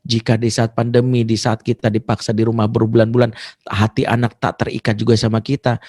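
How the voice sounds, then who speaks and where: A man's voice: lowish voice, darkish tone. A man giving a parenting sermon as an Islamic preacher, emotive and acting out quotes.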